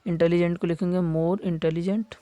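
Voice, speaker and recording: A man teaching a classroom lesson for exam prep, spelling words letter by letter and repeating key terms slowly for emphasis. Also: high-pitched, level tone, mellow, no echo. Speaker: English teacher for competitive exams.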